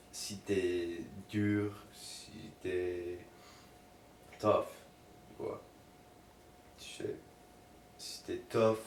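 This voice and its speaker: Low, creaky male interviewee, loose drunken rambling and swearing, casual chat picked up across an echoey room. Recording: roomy, distant mic, faint noise.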